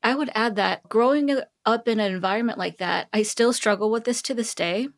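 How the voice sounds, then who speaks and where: Here a South Korean tech executive in her thirties, heavily pregnant, is being interviewed on a podcast. Her voice is fairly high and her pace a little fast, and she talks with earnest reflection, laughing lightly and often.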